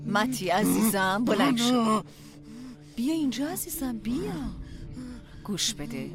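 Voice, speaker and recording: An actress playing a caring wife in a dubbed film, gently soothing a distressed man. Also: on the high side, big pitch swings, over music. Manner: soothing and motherly, then firm. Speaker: wife caring for her husband. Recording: loud film score behind the voice.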